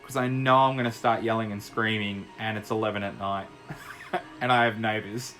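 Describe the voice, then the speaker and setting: On the low side with fairly even intonation and a sharp tone, the young Australian speaks at a moderate pace. As a gaming YouTuber, he offers easygoing commentary during play, rambling and quick to laugh, with faint music underneath.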